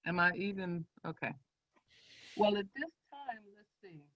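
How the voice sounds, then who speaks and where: Woman moderator, muffled bass-only call audio. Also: expressive, unhurried. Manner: reads questions from chat, apologetic when unheard. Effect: muffled, bass-only sound, fading in and out. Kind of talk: moderating audience questions. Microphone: video call, speaking away from the microphone.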